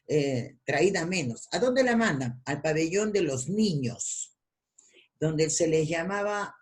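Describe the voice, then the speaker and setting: A woman with a deep, low-toned voice teaches a class over a video call, her pitch rising and falling a great deal. She keeps asking her students questions and then answers them herself. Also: a little mellow. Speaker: university lecturer. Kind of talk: online class lecture.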